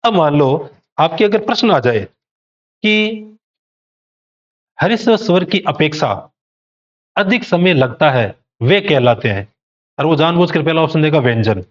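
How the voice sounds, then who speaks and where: A man's voice: on the high side, lively intonation, unhurried, pauses often, dull audio. A male teacher giving an exam coaching lecture, explaining step by step and posing rhetorical questions to students.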